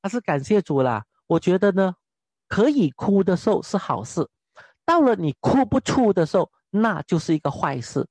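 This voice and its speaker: A young man preaching a personal testimony sermon, animated and often asking his listeners rhetorical questions. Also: high voice, moderate pace, husky, no echo.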